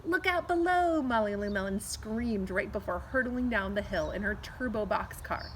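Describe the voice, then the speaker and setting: A middle-aged American woman, reading to pupils as a teacher, shares a picture book outdoors on a backyard patio, lengthening words expressively and adding remarks for the children. She speaks at normal speed in a steady, medium-pitched tone. Faint outdoor sounds come through on a camera a few feet away.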